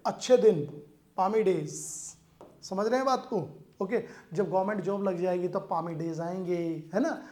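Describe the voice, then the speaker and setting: A man's voice: sits high, darkish tone. A man with an Indian accent teaching English vocabulary for competitive exams. He explains word meanings in Hindi mixed with English and keeps checking in with "theek hai". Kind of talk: exam-prep vocabulary lesson.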